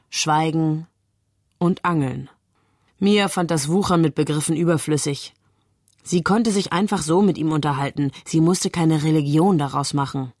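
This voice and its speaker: A woman narrating a literary story in a measured, calm way. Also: deep voice, dry recording, clean studio sound. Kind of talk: literary reading.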